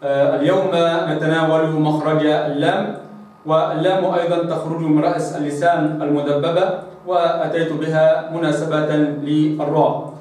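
A man with an Egyptian accent teaching how Arabic letters are pronounced in recitation, slowly drawing out the example words. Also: fairly high pitch, flat delivery, darkish tone, very echoey, recorded from a distance, poor audio. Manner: slow, deliberate demonstrations with drawn-out recited words. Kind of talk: instructional lesson on letter articulation.

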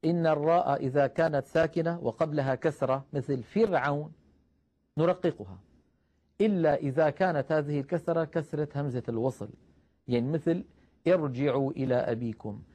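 A man teaching the rules of Quran recitation, explaining patiently, calling his listeners brothers and slowing down to recite example verses. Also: a little high, darkish tone. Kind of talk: tajweed lesson.

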